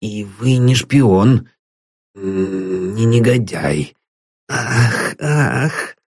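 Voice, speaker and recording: A man's voice: on the low side, animated, very slow, darkish tone, slightly rough, dry recording, studio quality, exaggerated voice. A man voicing a nervous, frightened elderly pawnbroker who mutters and pleads in a timid, breathless way. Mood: fearful muttering.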